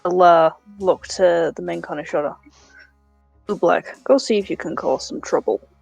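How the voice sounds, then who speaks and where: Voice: mid-range voice, normal speed, vocal fry, a little mellow, soft background music, low-quality recording. A tabletop game player who declares their moves in a joking, scheming way. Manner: joking, plotting. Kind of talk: tabletop role-play chat.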